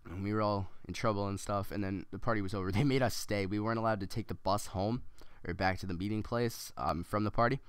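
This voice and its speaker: A man's voice: on the low side, steady tone, fast talker, clear, resonant tone, dry recording. A man rambling through a story as casual gameplay commentary, with many ums and restarts.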